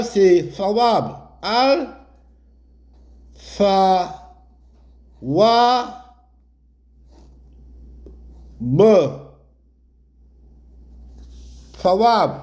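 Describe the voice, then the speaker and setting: Slowly, step by step, a man teaches the Arabic letters, writing as he talks and saying each sound over and over. His voice is high-pitched and a little mellow.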